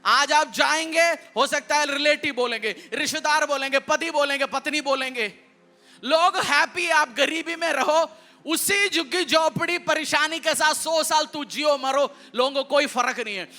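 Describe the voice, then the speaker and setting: A man's voice: very high voice, normal speed, sharp tone. A male pastor delivering a fervent, emphatic sermon, mixing in English words.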